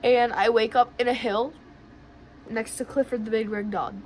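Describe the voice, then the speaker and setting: A woman vlogger casually telling a long story while doing her makeup at home, rambling and excitable. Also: a little high, moderate pace, slight background noise, low-quality recording.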